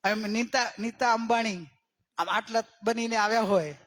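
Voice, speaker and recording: A man giving a religious discourse as a spiritual teacher. He keeps checking in with his listeners and draws key words out slowly for emphasis. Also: high-pitched, steady tone, a bit bright. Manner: questioning, coaxing listeners with repeated checks.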